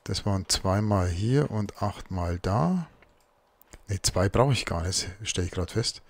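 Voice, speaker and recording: A man's voice: deep voice, expressive, unhurried, no echo. A man giving casual let's play commentary, muttering to himself as he works through crafting.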